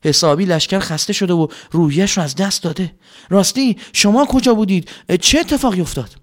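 A man's voice: high-pitched, pitched above the performer's own voice, natural voice. A man voicing a commanding male king in a storybook tale, speaking in raised, earnest tones. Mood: explaining. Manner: raised, earnest calls and speeches.

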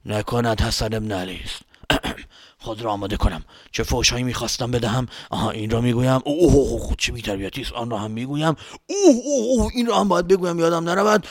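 A man's voice: medium pitch, dry recording, voice pushed down, natural voice. A man voicing a rude, hot-tempered grown man traveler in a children's story, scolding and grumbling to himself. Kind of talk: storybook character voice.

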